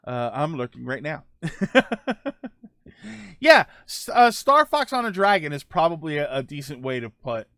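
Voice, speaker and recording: A gaming show host and livestreamer chats casually about video games, answering viewer comments in a playful, rambling, conversational way. His voice is fairly high and fairly bright, with clean studio sound and no room sound.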